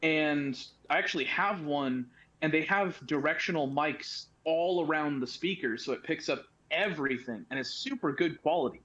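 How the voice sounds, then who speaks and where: A fairly high-pitched man explaining tech setups over a voice call, thorough and chatty. The sound is dull and lo-fi, like a compressed call. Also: moderate pace, a bit bright. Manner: explains tech tips in detail. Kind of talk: casual chat.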